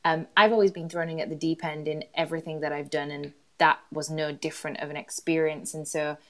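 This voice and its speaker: Yorkshire woman in her thirties, low-voiced guest, chatty and self-deprecating. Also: little pitch movement, a little fast, a bit bright. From Yorkshire, England. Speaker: guest, employment lawyer. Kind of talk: casual interview chat.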